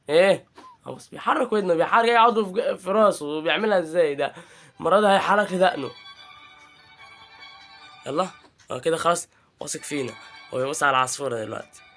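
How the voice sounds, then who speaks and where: A young Egyptian man with a high voice narrates his gameplay, joking and needling the characters on screen. Faint music plays underneath his commentary. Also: fairly bright tone. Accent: Egyptian Arabic. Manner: playful, teasing, trash-talking the game. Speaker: gaming channel host.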